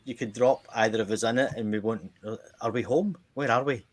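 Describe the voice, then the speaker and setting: A middle-aged man from Ireland with a Scottish accent speaks briskly at medium pitch as a podcast host. In casual chat he tells rambling anecdotes, laughing and constantly interrupting himself to start over.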